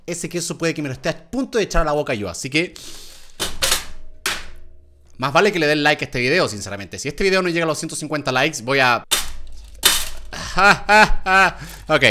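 A young man talking casually to camera, animated and exclaiming as he reacts. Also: fairly high pitch, moderate pace, long pauses, slight background noise. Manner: animated, exclaims and groans at gross flavors. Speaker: YouTuber. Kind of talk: casual vlog, challenge commentary.

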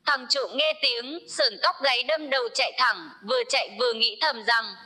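A woman with a high voice reads short folk jokes aloud as a storyteller. Her tone is bright and sharp, and she keeps an even, unhurried storybook pace.

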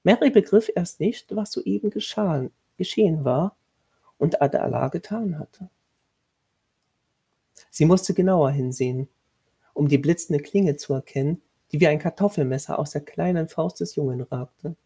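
A man reading his own horror short story aloud in a measured way, with a husky voice and occasional restarts. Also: fairly high pitch, dark tone.

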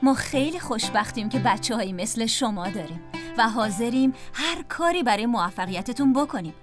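A woman's voice: on the high side, animated, lightly acted. An actress voicing a caring young mother in a cartoon, tender and fussing over her children. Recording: cartoon soundtrack with loud music.

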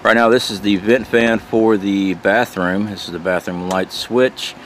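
A man's voice: on the low side, fairly even intonation, measured pace, fairly bright tone. A middle-aged man narrating a casual handheld walkthrough in a plain-spoken, folksy way, talking to viewers as guys. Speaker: vlogger giving a trailer tour. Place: outdoors around and inside a small trailer. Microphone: handheld camera or phone mic. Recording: noisy camera audio, outdoor and fan hum.

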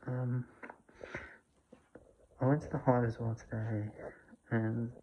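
A man vlogging casually from his room on a phone while talking through a face mask, halting with lots of fillers. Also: mid-range voice, level tone, highs cut off, slight background noise. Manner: halting, many fillers and restarts. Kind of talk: casual rambling vlog. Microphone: phone camera.

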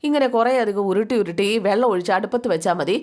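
A woman's voice: medium pitch, fast, darkish tone, close to an everyday voice. A woman doing a bossy mother-in-law. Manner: bossy, instructing.

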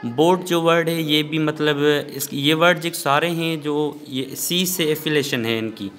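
A man from Pakistan, teaching English grammar to schoolchildren and repeating points slowly. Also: fairly high pitch, a bit bright, slight background noise. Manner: mixes Hindi-Urdu with slow English phrases, repeats points. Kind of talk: explaining a grammar lesson.

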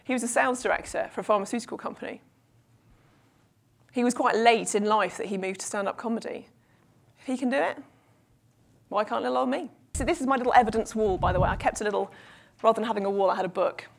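A woman in her forties giving a humorous keynote speech as a coach, self-deprecating and lively, with comic asides, speaking into a lapel mic in a large conference room. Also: on the high side, fast talker, gravelly, pauses often.

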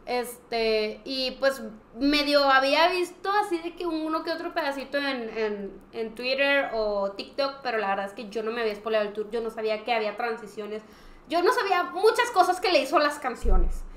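A young Mexican woman co-hosting a podcast, telling stories in an animated way and acting out what people said. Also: high voice, normal speed. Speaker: podcast co-host. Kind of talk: casual chat. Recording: echoey room.

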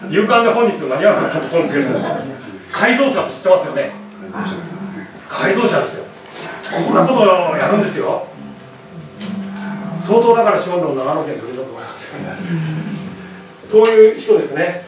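A man's voice: sits high, a little fast, long pauses. Man lecturing in a very echoey hall. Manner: animated, chatty, constant tag questions. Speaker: lecturer and author. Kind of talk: public history lecture. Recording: very echoey hall, far from mic, faint noise.

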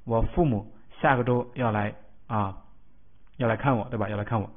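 A man's voice: fairly low pitch, moderate pace. A male English vocabulary teacher in a recorded lesson. He explains word roots step by step, spells out letters and often asks a checking question. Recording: tinny phone-like lo-fi sound.

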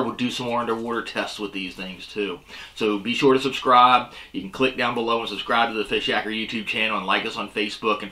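A man's voice: mid-range voice, pushed and bright. A middle-aged man hosting a fishing channel, reviewing a cheap lure in a casual, rambling way with lots of fillers. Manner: rambling, filler-heavy, easygoing. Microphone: seated at desk facing camera.

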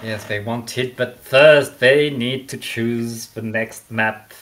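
Esports co-caster, mid pitch, enthusiastic and a bit halting, faint music underneath. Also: steady tone, fairly bright tone. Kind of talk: esports color commentary.

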